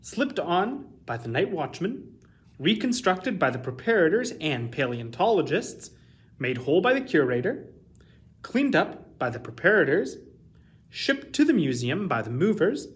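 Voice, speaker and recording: A man in his thirties, acting as a storytime host, reads a children's picture book aloud with deliberate, emphatic phrasing in a high-pitched voice.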